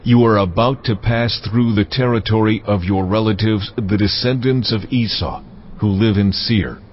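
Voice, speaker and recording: A man playing God in dramatized scripture audio, stern, deliberate and authoritative. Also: on the low side, fairly even intonation, lightly acted. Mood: firm instruction. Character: God, stern commanding male divine voice. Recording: dull audio with music underneath.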